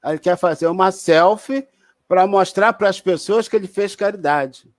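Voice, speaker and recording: Brazilian man, high voice, spiritist lecturer, chatty explaining, dry close sound. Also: moderate pace, no echo. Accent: Brazilian Portuguese. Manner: conversational, explanatory, frequent restarts and tag questions.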